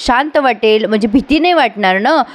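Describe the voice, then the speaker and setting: A woman's voice: a little high, lively intonation, fairly quick, lightly acted. A woman voicing a meddling middle-aged man from a TV serial, fussing and urging. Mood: coaxing.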